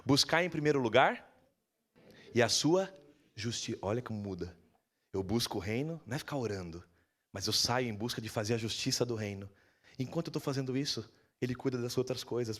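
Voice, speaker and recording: Preaching in church with a mid-range voice, a pastor with a Brazilian Portuguese accent tells stories in an animated way, impersonating the people whose words he quotes.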